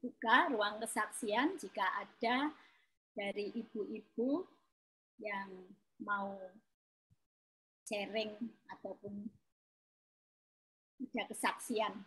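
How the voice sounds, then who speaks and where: A woman's voice: medium pitch, slow pace, pauses often, fairly bright tone, slightly rough, poor audio. A woman leading a church women's meeting, inviting people to share testimonies. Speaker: meeting leader. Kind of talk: hymn singing and meeting moderation.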